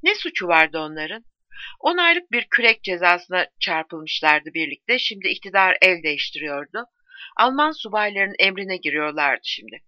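A woman reading a novel aloud as an audiobook, with expressive, shifting emphasis. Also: on the low side, moderate pace, no room sound. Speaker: audiobook reader. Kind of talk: scripted narration of a novel. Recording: dull lo-fi, dry.

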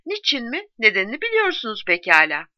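A woman's voice: on the high side, wildly swooping pitch, fast, sharp tone, no room sound, dull audio, pitched above the performer's own voice, full character voice. A woman voicing a frantic young village postwoman in a read-aloud novel, pleading and insistent. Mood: desperate. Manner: urgent, insistent, rising to cries.

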